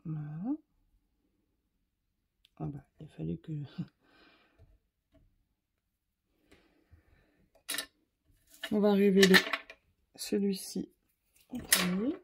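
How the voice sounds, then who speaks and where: A woman's voice: lowish voice, very slow, gravelly, long pauses, a little hiss or hum. A woman hosting a casual craft video, chatting straight to her viewers and poking fun at herself as she works. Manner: chatty, talks straight to viewers while working; self-mocking, light laughs. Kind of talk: casual demo chat.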